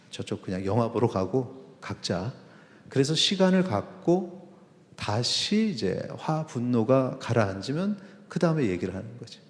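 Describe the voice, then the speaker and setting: A man, a pastor, preaching a sermon in a conversational way, with pauses and acted-out quotes. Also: medium pitch, darkish tone. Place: church sanctuary. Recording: long reverb of a church hall.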